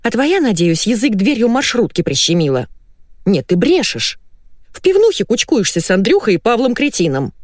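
A woman voicing a shrill, jealous, bossy wife who interrogates her husband over the phone. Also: sing-song, moderate pace, no room sound, clean studio sound, natural voice. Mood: scolding.

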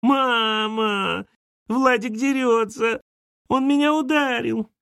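A man voicing a tearful, whiny little girl who shouts and squeals. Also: very high-pitched, fairly even intonation, slow, gravelly, clear, resonant tone, no echo, clean studio sound, pitched above the performer's own voice, exaggerated voice. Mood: wailing.

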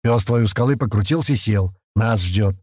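A man voicing a gruff, burly male warrior bodyguard with a deep voice and a bossy, scolding manner. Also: normal speed, a little mellow, no echo, studio quality. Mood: grumbling.

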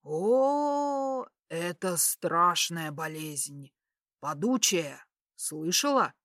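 Lady putting on a slow smug bearded guy playing doctor, low teasing drawl, bright clear tone. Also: expressive, dry recording, studio quality, heavily acted.

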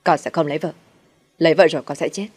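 Audio-story role: unstable ailing young man, acted by a woman, loud, low outbursts. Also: quick pace, slightly rough, faint music behind. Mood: raging. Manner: shouting, agitated. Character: sickly volatile young husband, fearful of death.

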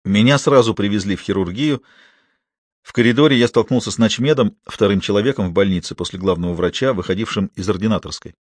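A man narrating a first-person story in a calm, measured way. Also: lowish voice, no room sound. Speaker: audiobook narrator.

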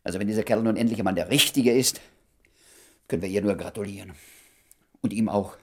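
A man with a lowish voice plays an inquisitive doctor in a German radio play, one who is easily flustered and pushes insistently yet hesitantly while pretending not to care. He speaks briskly and lightly acted, curious and nettled, over a noisy background.

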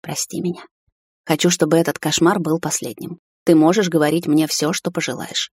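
Lady reading a soft-spoken loving hunter husband, low breathy voice, dry close sound. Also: animated, fairly quick, no echo, exaggerated voice. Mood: tender, hushed. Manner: soft, hushed and coaxing. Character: tender devoted male hunter husband, gentle.

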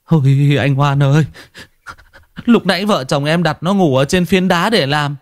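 A terrified young husband begs for help in a high, cracking, tearful voice, stammering as he pleads, put on by a male storyteller. His words tumble out in breathless wails. The sound is dry and close, like a storybook recording. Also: normal speed, dry recording, natural voice. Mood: panicked pleading.

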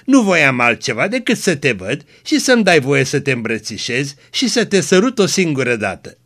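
A man's voice: mid-range voice, very animated, fairly bright tone. A man voicing a half-drunk, lovesick young man who pushes insistently and then turns meek, in a read-aloud story.

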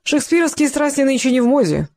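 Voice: medium pitch, fairly quick, darkish tone, no echo, clean studio sound, natural voice. A reader voicing a guarded, cool younger man who answers curtly. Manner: curt and guarded.

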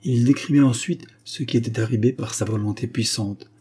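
A man narrating a classic story as an audiobook, measured and expressive. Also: medium pitch, breathy edge.

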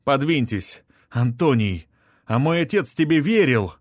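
Man voicing a young prince, hot-tempered, defiant, mid pitch, dry recording. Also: animated, measured pace, no room sound. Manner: angry, defiant outbursts.

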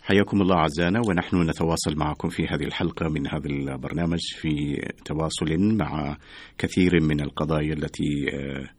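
A man with a very low voice presents a radio programme from a dry studio. He uses formal standard Arabic and speaks quickly, though he often stops on a drawn-out filler. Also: slightly rough, no room sound. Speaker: radio host. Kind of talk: live radio programme hosting.

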